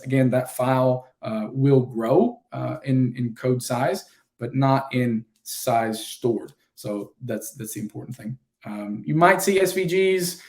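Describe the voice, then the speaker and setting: A man teaches in a loose, conversational way, dropping plenty of ums and uhs as he goes. His voice sits at an ordinary middle pitch. It sounds like a relaxed livestreamed class rather than a polished lecture. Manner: relaxed, with many fillers. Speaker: instructor. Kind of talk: casual livestreamed lesson.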